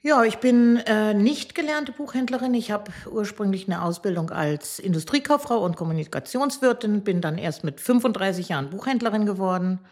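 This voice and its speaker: A woman's voice: mid-range voice, animated, fairly quick, few pauses, darkish tone. A woman of sixty from Hamburg, a bookshop owner talking as a guest in a podcast interview, enthusiastic with many hesitant fillers. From Hamburg, Germany. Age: 60s.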